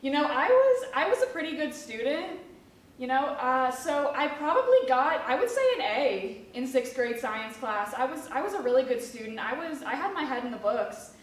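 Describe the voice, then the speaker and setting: This young woman from Kentucky, in her twenties, is a museum education specialist chatting casually in an interview with lots of fillers. Her high voice has a sing-song lilt and a moderate pace. She's picked up at a distance in an echoey room.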